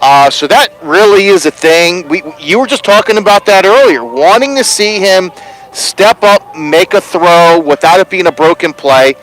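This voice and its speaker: A man giving live high school football commentary as an analyst, explaining plays in a conversational way outdoors at a stadium. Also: lively intonation, normal speed, a bit bright, low-quality recording.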